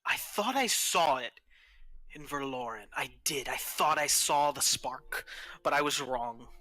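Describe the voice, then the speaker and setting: A man's voice: medium pitch, animated, bright, forceful tone, no room sound, low-quality recording. Man voicing a scornful villain. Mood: menacing. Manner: slow, commanding, contemptuous speech. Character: imperious floating male villain, scornful and wrathful.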